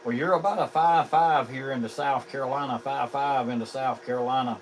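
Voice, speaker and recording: A man's voice: mid-range voice, fairly quick, rough recording. A man working as an amateur radio operator, plain-spoken and folksy, calling and repeating phonetic call signs amid radio static. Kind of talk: ham radio calling and casual contact. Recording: clear background radio noise.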